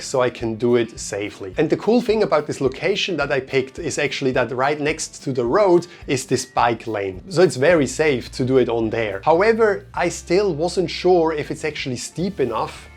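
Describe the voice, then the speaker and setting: A young man who grew up in Switzerland, telling a story in a relaxed, chatty vlog style with many fillers. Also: mid-range voice. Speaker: vlogger. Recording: faint music behind.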